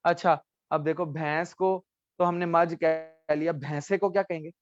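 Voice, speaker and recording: A man teaching a language class online, repeating each word slowly and quizzing his students. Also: fairly high pitch, fairly even intonation. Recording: dull lo-fi sound.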